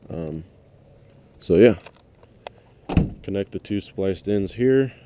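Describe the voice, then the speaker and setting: Slow and expressive, this deep-voiced man walks viewers through a car job as an amateur installer. His how-to is off the cuff and plain-spoken, captured on an action camera with noisy audio and the sounds of the vehicle around him.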